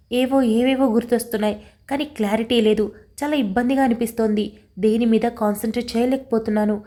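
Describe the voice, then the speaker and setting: A woman voicing a confused young man who speaks hesitantly and gently in a storybook reading. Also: a little high, close to an everyday voice.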